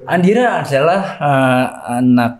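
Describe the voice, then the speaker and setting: A young male host with asking relaxed questions in casual chat, with frequent short acknowledgements. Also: medium pitch, unhurried.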